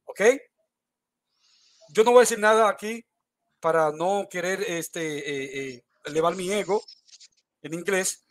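Man, high-pitched, heated debater, accusatory, repetitive, video call. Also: a little slow, long pauses.

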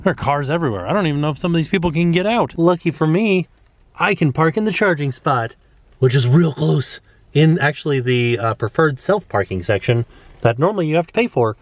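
A man's voice: a little high, animated, fairly quick, no echo. A man in his thirties, a vlogger, chatting upbeat about prices while browsing a busy store on a handheld camera. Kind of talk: casual vlog narration. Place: busy outlet store and parking lot.

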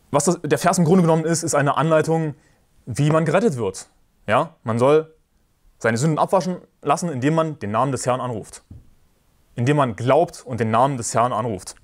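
A man preaching a sermon in a forceful, combative way, repeating his points and references. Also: mid-range voice.

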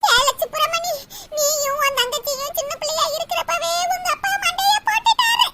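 A woman's voice: very high voice, normal speed, over music. A woman voicing a self-pitying old village mother-in-law in a cartoon, who complains in a wailing sing-song lament with a southern Tamil accent. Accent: southern Tamil (Tirunelveli). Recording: loud background noise.

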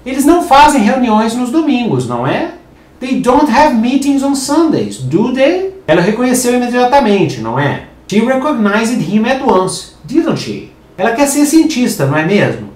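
Lively Brazilian male English teacher. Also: extremely high pitch, normal speed. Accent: Brazilian Portuguese. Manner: upbeat, lively teacher with animated intonation. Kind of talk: video English lesson. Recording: roomy echo.

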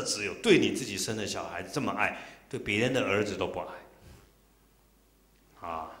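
Low-voiced monk in a roomy hall. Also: male voice, fairly bright tone. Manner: emotional, acts out dialogue. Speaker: Buddhist monk. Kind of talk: dharma talk with personal storytelling. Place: temple lecture hall.

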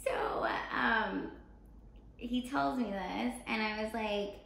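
A woman's voice: fairly high pitch, takes it slowly, creaky. A young American woman telling a story in casual chat, acting out quoted dialogue and often saying "like". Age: young adult. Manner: animated retelling with quoted dialogue, frequent "like". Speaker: show co-host telling a personal story. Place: apartment living room, indoors. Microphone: camera mic a few feet away. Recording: echoey room, faint background noise.

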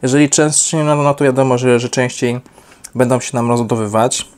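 A man's voice: medium pitch, steady tone, fairly quick, clean tone. A young adult man giving an unscripted product review, rambling with many fillers and self-corrections.

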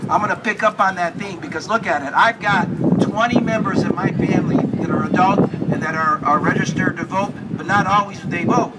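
Earnest high-voiced man at a street rally. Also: a little fast, few pauses. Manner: earnest, repetitive restarts, rousing. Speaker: state commissioner and magazine publisher. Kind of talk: speech at an outdoor rally. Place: outdoors on building steps. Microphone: handheld mic, filmed by a phone from far off. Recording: distant phone video with loud street noise.

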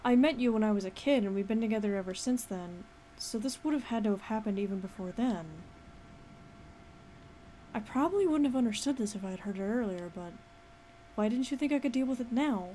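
A woman's voice: a little high, a little fast, dark tone, slight background noise, natural voice, poor audio. A woman voicing a brash young male video game hero, blunt and informal as they read the dialogue aloud. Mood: questioning, indignant.

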